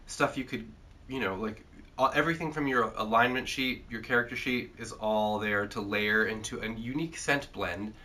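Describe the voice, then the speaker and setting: A host with a medium-pitched, sharp-toned male voice leads a casual chat while congested from a cold, rambling and joking with lots of filler sounds.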